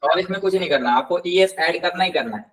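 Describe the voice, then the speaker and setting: A man teaching a live language class, patiently repeating words slowly and quizzing his students. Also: sits high. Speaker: Spanish tutor. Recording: voice somewhat distant from the mic.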